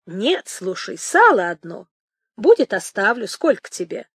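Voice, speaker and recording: A woman voicing a brisk, bossy female village shopkeeper who scolds and complains. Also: mid-range voice, sing-song, husky, no room sound, clean studio sound, exaggerated voice. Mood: dismissive. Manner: scolding, grumbling, quick to complain.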